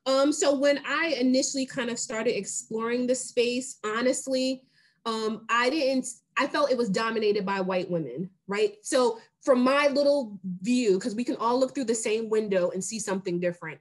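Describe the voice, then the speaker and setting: A woman in her late forties, a guest on a video call, talking in an animated, emphatic way and laughing easily. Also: a little high, normal speed. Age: 40s. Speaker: guest, brand founder. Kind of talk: casual video-call conversation. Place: home room.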